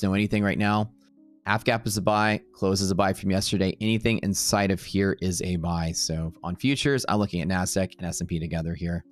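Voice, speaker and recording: A man hosting a live trading stream, talking casually and rambling, laughing often. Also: deep voice.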